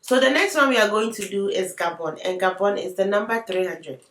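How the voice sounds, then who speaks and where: Fairly quick and animated, this woman has a medium-pitched, fairly bright voice and an African accent. A beauty vlogger, she chats casually through a makeup tutorial with playful asides, recorded with a far-off mic in a roomy space.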